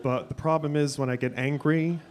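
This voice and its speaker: A man in his forties doing a live stand-up set, animated, jumping into a high flamboyant yelling voice. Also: fairly quick. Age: 40s. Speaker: stand-up comedian. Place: comedy club stage. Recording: noisy live club sound.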